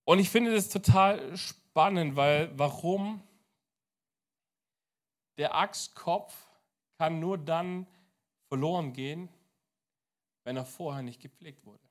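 Male pastor, energetic sermon, slightly high-pitched, big swings in volume. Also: takes it slowly, pauses often. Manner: lively preaching with sudden loud and soft turns. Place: church.

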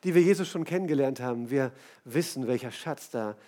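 A man's voice: medium pitch, fairly quick, dark tone. A male preacher giving a casual, enthusiastic sermon full of storytelling, talking straight to his listeners.

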